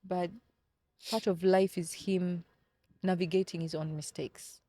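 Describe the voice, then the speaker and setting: A woman's voice: fairly low pitch, little pitch movement, unhurried, dark tone, no echo. A woman in her thirties from Kenya, a podcast guest telling personal stories in an earnest, reflective way and often repeating words as she finds them. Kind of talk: candid conversational storytelling.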